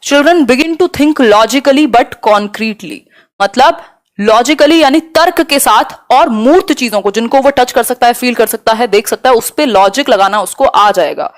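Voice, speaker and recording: Teacher, female, fairly high voice, chatty, keeps checking in with the class. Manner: quick, conversational, checks in with students often. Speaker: exam-prep teacher. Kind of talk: live online class.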